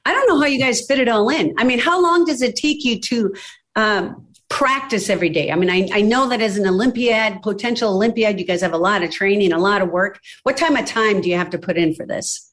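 A woman's voice: mid-range voice, a little fast, a bit bright. A woman hosting a podcast, talking emphatically and rallying her listeners. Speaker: podcast host. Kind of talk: enthusiastic advocacy talk.

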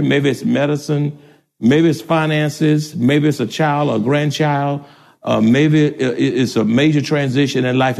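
Lively, high-pitched preaching man. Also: gravelly. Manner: preaching with rising shouts and laughs. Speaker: pastor. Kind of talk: sermon.

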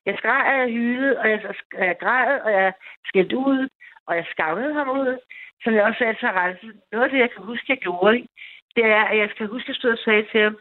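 A woman in her fifties telling a long personal story on a call-in radio show, rambling, with many restarts and fillers. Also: on the high side. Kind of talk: casual phone-in storytelling. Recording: tinny phone line, dry.

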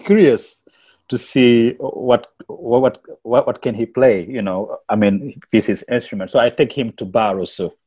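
Telling stories as a musician guest in a casual interview, this Senegalese man, a native Wolof speaker, has a medium-pitched, dark voice with a breathy edge. His Senegalese accent comes through as he halts and repeats words.

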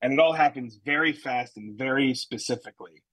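A man with a New England accent answers interview questions about his stage work, rambling easily with many ums and restarts. His voice has a husky, slightly breathy edge, and it sounds close and dry with no room around it. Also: mid-range voice, a little fast, fairly bright tone, dry recording, low-quality recording. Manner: chatty, many fillers and restarts. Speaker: stage actor, interview guest.

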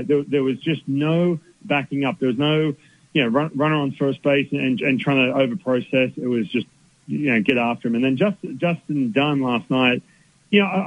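A man with an Australian accent, a baseball analyst calling in to a sports radio show, chatty and quick to laugh. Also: medium pitch, no echo. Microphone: phone call. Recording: tinny phone line.

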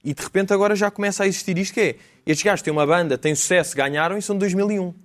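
A man's voice: sits high, rapid-fire. A man in his twenties with a European Portuguese accent, a panel guest musing thoughtfully in a casual chat. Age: 20s.

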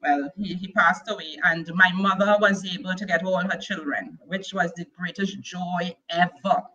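A woman from Tobago with a Tobagonian accent shares her personal testimony as an interview guest, telling her life story. Her voice is on the low side yet very bright and forward, soft-spoken and hesitant, with frequent pauses, fillers, and restarted sentences. The recording sounds a little dull.

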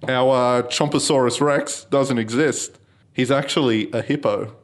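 A man's voice: medium pitch, steady tone, unhurried. A man, co-hosting a comedy podcast in a casual joking chat. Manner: joking, acts out silly voices, laughs often. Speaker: podcast co-host.

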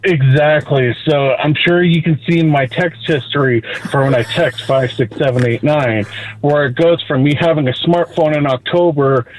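A man's voice: fairly high pitch, moderate pace, slight background noise, poor audio. Man calling in on speakerphone. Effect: on speakerphone from a flip phone. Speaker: caller. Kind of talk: casual chat.

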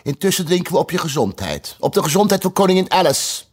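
A man's voice: medium pitch, sing-song, brisk. A man voicing a commanding, bossy queen in a storybook reading. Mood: imperious. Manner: commanding, curt. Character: imperious, bossy queen, female.

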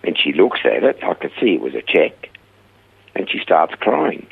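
An older Swiss man with a Swiss accent tells a story as a radio interview guest, lively and acting out the quoted voices. His voice is low, slightly rough with vocal fry, at a moderate pace, and the sound is narrow and phone-like, as on radio.

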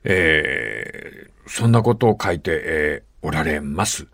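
An older man hosting a radio talk show, reading listener letters and telling stories with lively dialect voices. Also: rumbling low, slow. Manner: lively storytelling, acting out dialect dialogue. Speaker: radio host.

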